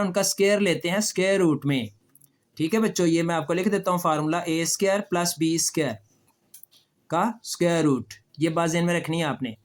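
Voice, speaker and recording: A man teaching a math lesson step by step, patiently asking questions and answering them himself. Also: high-pitched. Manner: patient, addresses students as children, repeats questions and answers them. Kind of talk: step-by-step classroom lecture.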